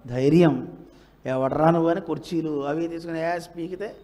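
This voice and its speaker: A man giving a devotional discourse, chanting verses slowly and asking the audience rhetorical questions with emphasis. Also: fairly high pitch, steady tone, a little mellow. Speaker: religious teacher.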